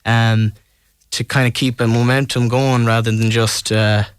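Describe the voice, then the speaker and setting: A man's voice: mid-range voice, little pitch movement, a little slow, smooth, no echo, studio quality. A man from Ireland with a west of Ireland accent, talking casually and tentatively as a musician in a radio interview.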